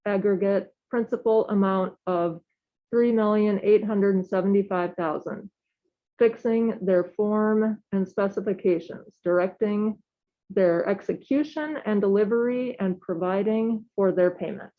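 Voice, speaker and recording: A woman chairing a school board meeting, brisk and friendly as she reads a formal resolution aloud and calls the roll. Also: mid-range voice. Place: meeting room. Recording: dull lo-fi sound.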